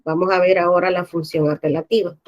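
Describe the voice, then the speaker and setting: A woman's voice: on the low side, steady tone, fast talker. A woman teacher with a Panamanian accent, patiently explaining a language lesson and often checking with her class by asking "right?".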